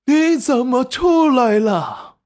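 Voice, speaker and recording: Guy putting on a whiny sulky young dude, way up high, slow and drawn out, audiobook. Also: sing-song, darkish tone, exaggerated voice. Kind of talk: audiobook character voice.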